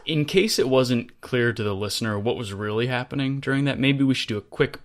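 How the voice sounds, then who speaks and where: Male podcast co-host, casual chat, dry deadpan delivery. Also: mid-range voice, fairly quick, heavy background noise.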